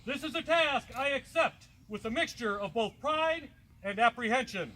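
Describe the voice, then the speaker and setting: A man's voice: very high voice, expressive, normal speed, sharp tone, poor audio. A man reading out a flowery formal ceremonial speech in a pompous, theatrical, grandiloquent manner. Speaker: proxy reading a letter.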